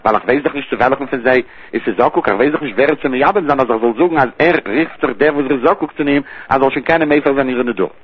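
A man's voice: medium pitch, fast talker, few pauses, slightly rough. A man teaching a traditional religious text study lesson in a sing-song study cadence, repeating key terms as he works through the passage. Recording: tinny phone-line recording.

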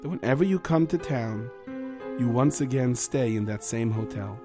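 A man voicing a humble, patient older rabbi who speaks low and calmly. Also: normal speed, music in the background, close to an everyday voice.

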